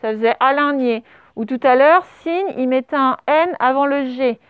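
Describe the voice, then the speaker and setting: A woman teaching a primary school class, correcting a dictation and spelling words out letter by letter with patient pauses. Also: sits high, clear, resonant tone, no echo. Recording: dull lo-fi sound.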